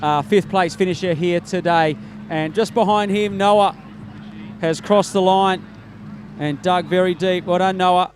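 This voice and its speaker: Man, race commentator, upbeat, high voice. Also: fairly even intonation, measured pace, slight background noise. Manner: upbeat, calls names and results, says mate often. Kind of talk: live sports commentary. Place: outdoor race finish area.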